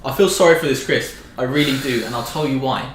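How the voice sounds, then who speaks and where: A man's voice: medium pitch, quick pace. A man hosting a casual snack review in conversation. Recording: echoey room with background noise.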